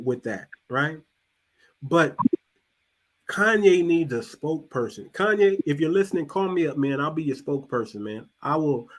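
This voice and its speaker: A man hosts a relaxed talk-show podcast with loose delivery, restarting and repeating words now and then. For emphasis, he lets his voice sink low.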